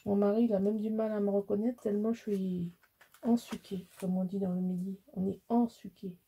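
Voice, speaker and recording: Mellow husky-voiced crafting woman. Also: mid-range voice, little pitch movement, normal speed. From Alsace, France. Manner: rambling, self-mocking, many restarts. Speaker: scrapbooking crafter. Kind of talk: casual crafting tutorial chat.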